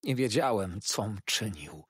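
A man's voice: lowish voice, lively intonation, takes it slowly, breathy edge, no echo, clean studio sound, heavily acted. A man voicing a broken, despairing old father. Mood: lamenting. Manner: lamenting, pleading. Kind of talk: audiobook character voice.

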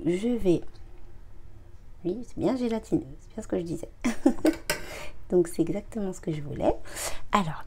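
A lowish, mellow female voice comes through with a little hiss or hum. The speaker, a young cooking and beauty vlogger, casually describes a recipe from her home kitchen, hesitating, filling gaps, apologizing often, and sounding a little tired.

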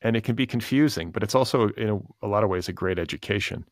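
A podcast host with a lowish voice talks fast while conducting an interview. His questions are long, casual and rambling, packed with "like" and "sort of." The sound is clean studio quality without echo.

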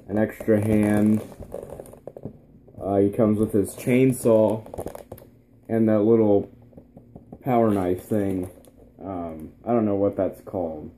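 A teenage man chatting casually through an unboxing vlog in his bedroom, relaxed and rambling with plenty of ums. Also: fairly low pitch, a little hiss or hum. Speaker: vlogger. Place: small bedroom, indoors.

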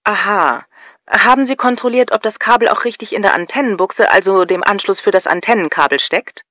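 A woman's voice: mid-range voice, brisk, a bit bright, no room sound, natural voice. Woman acting as polite store customer service lady, businesslike, dry close recording, language-lesson dialogue. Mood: polite, helpful.

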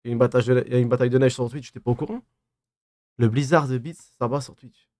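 A man's voice: medium pitch, fairly even intonation, fast talker, darkish tone, no room sound, clean studio sound. A man in his twenties with a lisp on his s sounds, chatting casually and teasingly as he reads and answers livestream comments in slangy banter. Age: 20s. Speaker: live streamer. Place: small dim room at a desk.

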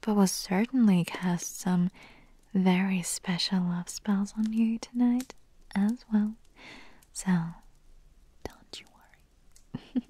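A teasing young witch matchmaker whispers close and very slowly, played by a woman. Her mellow, breathy voice drifts through soft giggles in an intimate ASMR roleplay. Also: medium pitch, fairly even intonation, no room sound.

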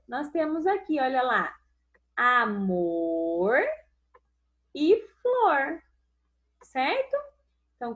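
A Brazilian woman teaching small children in a recorded lesson. Her high voice leaps up and down in a slow sing-song and stretches each syllable. The recording sounds dull and lo-fi. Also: a little mellow. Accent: Brazilian Portuguese. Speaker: primary school teacher.

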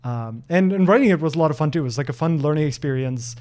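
A slightly high, mellow, expressive voice moves fast as this thirty-something Norwegian, speaking English as a second language, runs a casual livestream Q&A from his home office. Chatty, he reads the questions out loud and keeps restarting and saying um, his mouth close to a desk broadcast mic.

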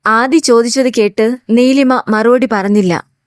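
A woman narrating a scripted audio serial in a steady storytelling voice. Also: a little high, unhurried, dry recording, studio quality.

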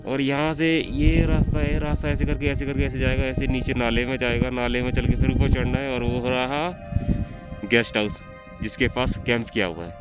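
Outdoors on a mountain, a young travel vlogger narrates casually and talks directly to his audience in a chatty way. His voice sits at medium pitch with a steady tone and moderate pace. The audio sounds dull, and loud music plays behind him.

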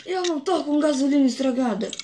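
Woman as a high-voiced grumpy male racing car. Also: fast talker, mellow, natural voice. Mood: indignant. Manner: indignant, sarcastic. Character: grumpy, sarcastic racing car, easily irritated male rival. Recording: noisy home recording with clicks.

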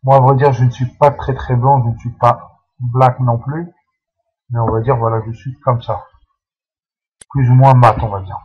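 A man's voice: mid-range voice, fairly even intonation, normal speed, pauses often, slightly rough, highs cut off. A man casually talking through a game tutorial, hesitant and full of fillers and restarts. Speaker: channel host explaining a game.

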